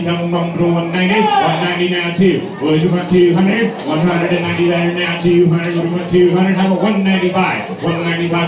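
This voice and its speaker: A man working as an auctioneer at a live auction, calling bids in a repetitive patter of numbers. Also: fairly high pitch. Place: large echoey venue with a crowd. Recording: echoey hall from far off, crowd noise.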